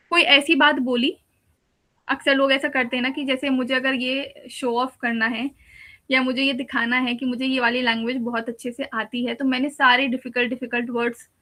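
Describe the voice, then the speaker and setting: Bright, high-voiced woman teaching. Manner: patient, explains step by step with repeated examples. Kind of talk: exam-prep lecture mixing Hindi and English.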